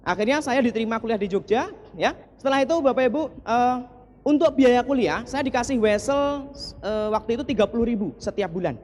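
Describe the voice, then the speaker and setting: A man's voice: extremely high pitch, animated, fairly quick, a little mellow, slight background noise. Forties man from East Java, earnest motivational storyteller, long hall reverb. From East Java, Indonesia. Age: 40s. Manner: earnest, often turns to the audience with short asides. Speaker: motivational speaker. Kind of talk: personal story told to an audience.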